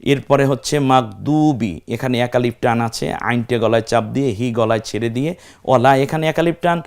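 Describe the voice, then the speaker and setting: A man's voice: mid-range voice, fairly quick. Man, teacher, patient recitation lesson, stretched vowels, questions to the class. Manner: spells out letters and stretches vowels to demonstrate; asks the class questions and answers them himself.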